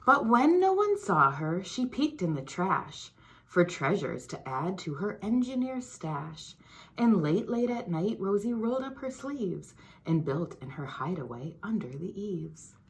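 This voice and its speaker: With a sing-song, dramatic read-aloud style that sometimes fades to a whisper, a woman on the school board shares a children's picture book. She has a lowish, unhurried voice, and a bit of background noise is audible.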